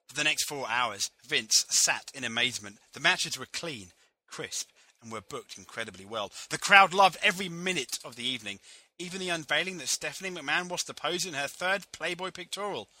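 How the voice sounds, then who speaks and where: A man's voice: on the high side, animated, brisk, sharp tone, dry recording. A man co-hosting a podcast, reading a comic story aloud and stumbling over words. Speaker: podcast co-host.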